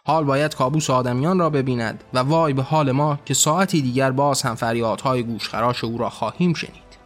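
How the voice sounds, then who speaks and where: A man's voice: medium pitch, faint music behind, natural voice. A man voicing an irreverent male angel who mocks and grumbles. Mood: mocking. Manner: sarcastic, grumbling.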